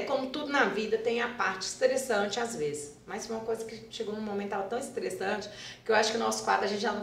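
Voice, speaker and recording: A woman with a Brazilian Portuguese accent speaks at a medium pitch with a gravelly voice, and the sound is roomy. She founded a dance school and teaches there, and in a casual podcast interview she tells stories, repeating words for emphasis.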